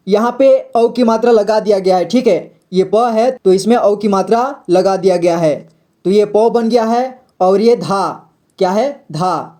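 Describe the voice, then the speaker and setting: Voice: medium pitch, mellow. A patient teacher walking learners through reading syllables and words step by step, repeating each sound and asking and answering their own questions. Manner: frequent "theek hai" check-ins. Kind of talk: step-by-step phonics lesson.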